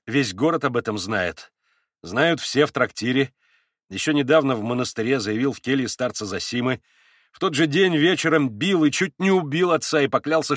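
A man reading aloud and voicing an agitated young man under questioning who talks fast, nervously and effusively. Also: mid-range voice, dry recording, clean studio sound, natural voice. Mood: exclaiming.

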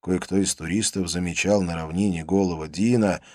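A man's voice: low voice, steady tone, fairly quick, darkish tone, no echo, studio quality. A man narrating a first-person novel as an audiobook, reading expressively.

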